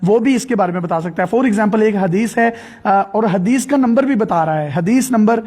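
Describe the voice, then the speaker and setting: High-voiced man hosting an interview. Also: darkish tone, slightly rough. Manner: explanatory, devout phrasing. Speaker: host. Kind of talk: TV interview demonstrating an app.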